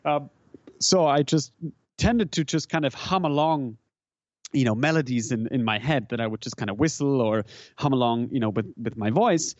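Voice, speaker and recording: This musician guest, a Swiss German native speaker from German-speaking Switzerland, gives casual interview answers in a mid-range voice. His speech is halting and full of restarts and repeated words. The recording is dry and dull, with no echo.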